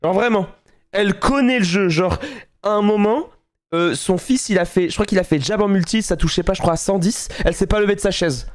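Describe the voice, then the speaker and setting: A man with a high-sitting voice and brisk delivery streams live, excitedly chatting with viewers in a casual way, laughing a lot and swearing offhandedly.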